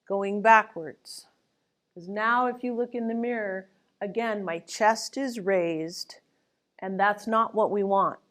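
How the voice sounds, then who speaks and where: Female tai chi instructor, unhurried delivery, calm and gentle cueing, mid-range voice. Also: medium pitch. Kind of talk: instructional movement lesson, spoken cues.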